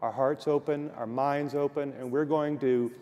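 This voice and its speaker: A man's voice: medium pitch, steady tone, moderate pace, a little mellow. A male pastor speaking earnestly to his congregation and leading them in prayer from the stage. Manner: affirming, earnest. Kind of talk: church panel host and prayer. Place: church sanctuary. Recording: long reverb of a church hall with audience.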